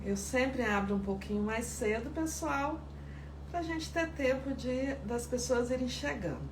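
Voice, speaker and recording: A woman's voice: high voice, animated, a little slow. A woman teaching sourdough on a live stream, chatty and greeting viewers by name. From Espírito Santo, Brazil. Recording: echoey room with faint background noise.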